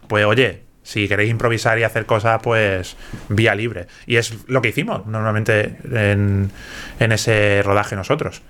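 A man from Málaga, in southern Spain, hosts a chatty live stream and explains things with lots of asides. His mild Andalusian accent comes through in a medium-pitched voice that sounds pushed and bright.

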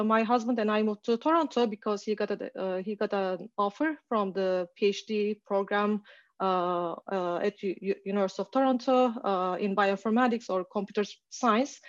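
A woman's voice: mid-range voice, no echo. Woman from turkey in her 30s giving a casual talk over a call, lots of uh and restarts, dry muffled sound. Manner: hesitant, many fillers and restarts. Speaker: guest speaker.

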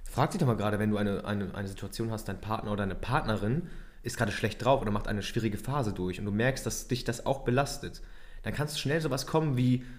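A man's voice: fairly low pitch, a little fast. A man co-hosting a podcast, emphatically challenging listeners with rhetorical questions. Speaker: podcast co-host. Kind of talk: casual coaching talk.

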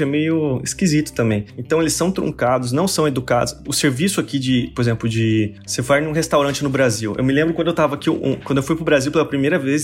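A young Brazilian man with a Brazilian Portuguese accent, telling stories as an interview guest in an animated, expressive way. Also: fairly high pitch. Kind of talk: casual interview storytelling.

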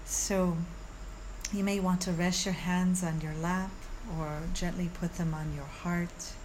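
A woman who teaches meditation guides a mindfulness practice in a soothing, gentle way, with measured pauses, like a calm yoga teacher. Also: on the low side, background noise. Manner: unhurried, measured, with long pauses.

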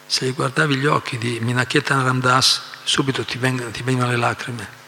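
A man reads and explains scripture to a devotional class, animated, with many asides. His voice is bright, sharp and gravelly. Long reverb trails off in the hall. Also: medium pitch, normal speed, slight background noise. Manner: animated storytelling with frequent asides and repetitions.

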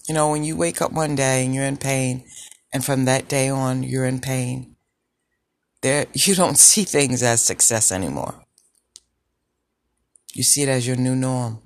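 A woman with a low, sultry voice hosting a personal podcast, speaking in a deliberate, reflective way with pauses. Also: steady tone, no room sound. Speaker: podcast host. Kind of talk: personal health podcast monologue.

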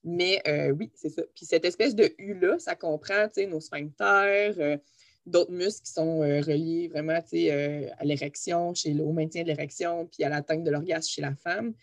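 Quebec woman, physio co-host, lowish voice, dry close sound, chatty explainer. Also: fairly even intonation, moderate pace, no echo. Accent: Quebec French. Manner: chatty, laughs easily while explaining anatomy. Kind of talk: casual explanatory podcast chat.

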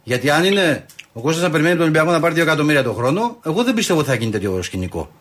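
A male radio co-host with a Greek accent in a sports discussion, measured and explanatory as he reasons through his opinion. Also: on the high side, big pitch swings, fairly bright tone, a little hiss or hum.

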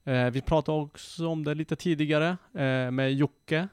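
A man's voice: on the high side, fairly even intonation, darkish tone, clean tone, no echo, clean studio sound. A thirty-five-year-old man hosting a casual podcast interview, asking friendly questions with some jokes. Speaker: podcast host.

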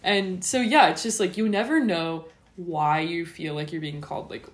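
A young woman co-hosting a casual faith podcast, chatting and acting out her own thoughts in quick quotes. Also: lowish voice. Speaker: podcast co-host.

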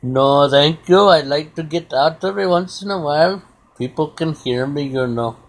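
A man's voice: a little high, moderate pace. A man with an Indian accent, a guest in a casual chat, speaking in a formal, insistent way.

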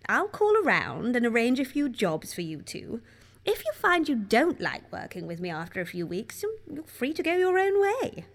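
A woman plays a posh, wealthy young woman with a high voice that rises and falls a lot. She speaks in a prim, polished, measured way in an audio drama. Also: huge pitch swings, heavily acted. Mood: poised.

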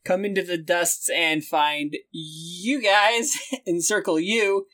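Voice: mid-range voice, slow pace, a bit bright, dry recording, studio quality. A game master improvising narration for a tabletop game, casually talking with the players.

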